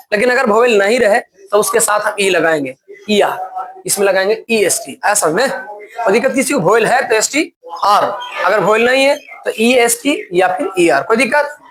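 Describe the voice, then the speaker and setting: A male teacher gives a classroom grammar lesson. He explains slowly, then asks the class questions and answers them himself. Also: sits high, expressive, background noise.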